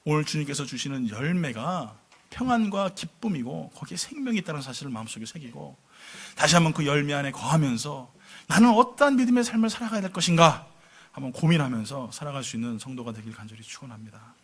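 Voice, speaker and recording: A man preaching a sermon as pastor, telling a story dramatically, swinging between loud exclamations and hushed low tones. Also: expressive, quick pace, slightly rough. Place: church sanctuary.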